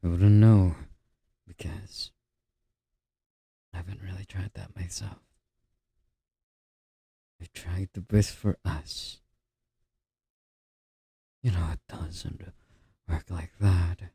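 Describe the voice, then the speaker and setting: A man doing an ASMR role-play as a comforting boyfriend, speaking in a soft, breathy, intimate murmur with a husky, gravelly edge, close to the microphone. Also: low-pitched, flat delivery, no room sound. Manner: slow, gently reassuring boyfriend-style comforting.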